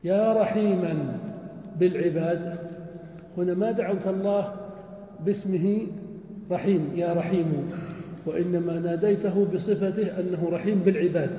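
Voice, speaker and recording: A man's voice: sits high, dark tone. A man teaching a grammar lesson, asking questions and drawing out examples in a chanting tone. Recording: dull, echoey hall recording.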